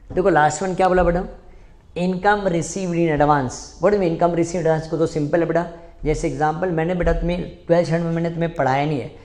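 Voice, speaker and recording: A male accountancy teacher gives a classroom lecture. He mixes in English, calls his students "beta", answers his own questions, and spells out key phrases slowly over and over. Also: on the high side, darkish tone.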